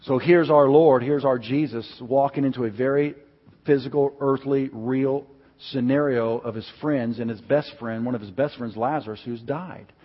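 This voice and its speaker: A middle-aged pastor delivers a sermon, his husky voice rising into passionate, loud preaching. The church around him rings with a long reverb, and the sound is a bit dull and muffled. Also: medium pitch, steady tone, moderate pace. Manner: builds to impassioned, near-shouting preaching. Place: church sanctuary.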